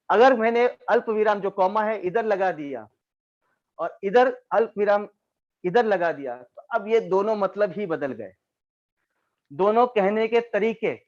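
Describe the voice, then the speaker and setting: A man's voice: sits high, highs cut off. A man giving an online sales training talk, explaining step by step and often addressing his listeners as friends. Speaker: network marketing trainer.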